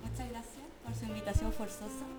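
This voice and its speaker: Chilean woman in her twenties to thirties, fairly high voice, teasing guest, music clearly underneath. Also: steady tone, fairly quick. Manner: teasing, playful, chatty. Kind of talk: casual chat over a call.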